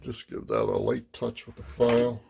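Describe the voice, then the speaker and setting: A man with a gravelly voice explaining machining step by step in short, casual phrases, as a machinist demonstrating at work. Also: mid-range voice, big pitch swings, moderate pace, noisy background. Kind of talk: casual hands-on shop explanation. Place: machine shop.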